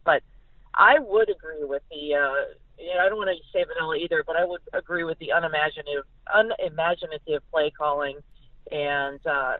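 Calling in by phone, this American guest reporter delivers emphatic, casual sports analysis and frequently repeats words to stress them. She has a low-pitched voice with no room sound, carried on a thin, narrow line.

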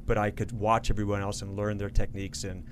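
Earnest talkative man, lowish voice. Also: little pitch movement, fairly quick, a little hiss or hum. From Florida, United States. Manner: earnest, talkative, self-correcting. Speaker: guest, association CEO. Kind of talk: radio interview.

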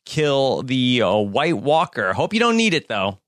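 A man co-hosting a casual chat, unhurried and hesitant, recounting scenes from an episode. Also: medium pitch, sing-song, a bit bright, dry recording, clean studio sound. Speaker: podcast co-host.

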